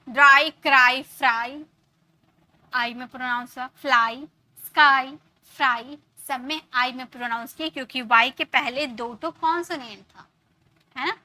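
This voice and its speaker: Bright, high-voiced woman teaching English. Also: no echo. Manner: explains step by step, repeats example words, checks in with "ok". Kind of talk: online grammar lesson.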